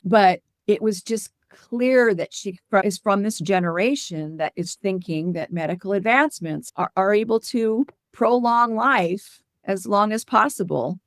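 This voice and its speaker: A woman's voice: mid-range voice, measured pace, few pauses, dry recording, clean studio sound. A woman speaking as an interview guest and hospice educator, telling anecdotes and explaining things in a candid, earnest, conversational way.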